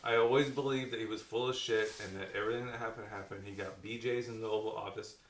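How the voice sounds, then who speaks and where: A man's voice: on the low side, fairly even intonation, fast. A man debating casually, emphatic and profane, repeating himself to drive points home. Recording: echoey room, noisy background, clicks.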